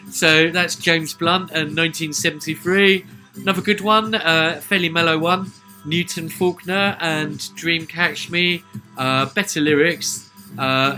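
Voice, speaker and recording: This man from southern England hosts a music podcast, rambling through casual album and song reviews with plenty of "uh" fillers and chuckles. His southern English-accented voice is on the high side, bright and forceful.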